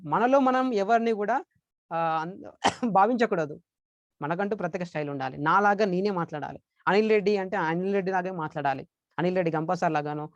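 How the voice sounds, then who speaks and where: A man's voice: sits high, no room sound, lo-fi sound. A man giving an emphatic training lecture on public speaking, repeating key points and mixing in English terms.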